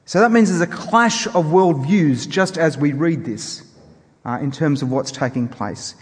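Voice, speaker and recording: A man with a fairly high voice and measured pace preaches in a church hall, informally introducing a Bible reading to the congregation. The hall is echoey, giving the recording a long reverb.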